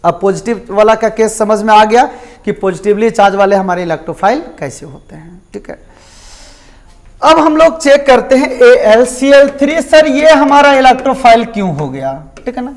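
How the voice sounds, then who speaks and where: A man's voice: very high voice, lively intonation, moderate pace. Male chem teacher w jharkhand hindi accent, lecturing, keeps asking then answering himself. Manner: asks and answers own questions, repetitive check-ins. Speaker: chemistry teacher. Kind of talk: classroom lecture.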